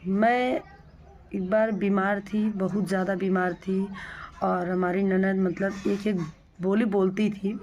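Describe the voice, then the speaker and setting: Taking it slowly, this young woman speaks at a medium pitch with a steady, slightly mellow tone, though the audio sounds dull. As a vlogger addressing viewers directly, she recounts events plainly with frequent repetition and restarted sentences.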